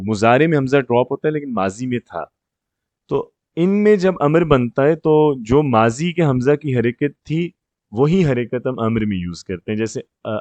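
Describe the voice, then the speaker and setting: A man works through grammar rules with a single student in an even, mid-range voice. He goes step by step, drawls out example words slowly, and keeps checking that she follows. The sound is dry and close, with no room behind it. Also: medium pitch, no room sound. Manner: explains step by step, checks understanding often; slows down to spell out example words. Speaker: Arabic grammar teacher. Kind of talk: patient one-on-one grammar tutoring.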